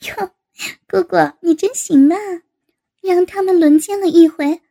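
A woman voicing a brazen, teasing young woman in a read-aloud story, her voice very high and dark-toned. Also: measured pace. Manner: giggling, teasing.

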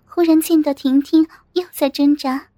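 A woman narrating a story in a steady, measured reading of short phrases. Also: high voice, no echo. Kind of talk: scripted audiobook narration.

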